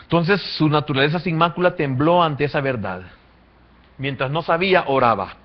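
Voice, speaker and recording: A man preaching a sermon as pastor, swinging from quiet to loud. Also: fairly high pitch, moderate pace. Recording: muffled lo-fi church recording.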